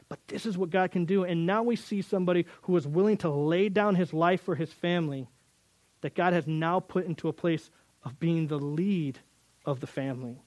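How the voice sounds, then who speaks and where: A man's voice: high-pitched, darkish tone, no echo. A man teaching through a Bible passage in earnest, often repeating words as he builds emphasis.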